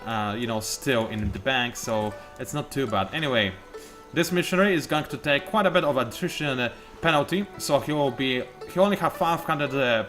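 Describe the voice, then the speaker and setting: A let's play host with a mid-range, fairly bright voice plays a strategy game. He keeps it chatty and playful, mocking himself as he works through his moves aloud.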